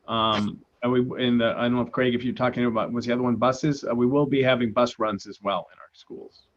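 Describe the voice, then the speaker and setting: A man's voice: mid-range voice, fairly even intonation, fairly quick, highs cut off. A man, a school administrator, answering questions hesitantly on a video call. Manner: hesitant, agreeable.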